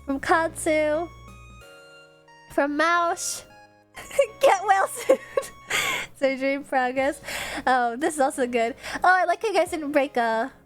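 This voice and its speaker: With faint music behind her, a young woman with a stuffed-up nose reads fan messages and giggles during a casual live stream. Her high voice has a fairly bright tone and a measured pace.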